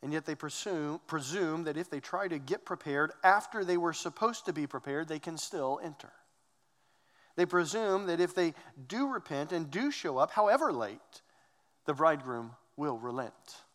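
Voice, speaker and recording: A pastor delivers an earnest sermon, his fairly high voice pressing each point with emphatic rhetorical questions. His words ring out with a long reverb, as if spoken in a large church sanctuary. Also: animated, moderate pace, fairly bright tone.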